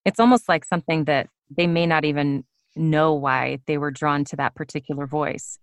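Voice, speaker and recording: A woman with a low voice speaks as a voice actor guest, pausing to think and feeling her way through her answers. The mic is dry and close. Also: no echo. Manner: thoughtful, hesitant. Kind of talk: podcast interview.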